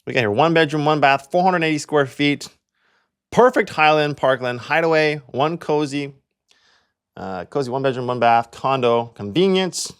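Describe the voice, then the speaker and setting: A young Canadian man, a real estate agent and video host, leads a casual property walkthrough in a slightly high, smooth voice at a moderate pace. He's chatty and leans heavily on fillers, especially "like."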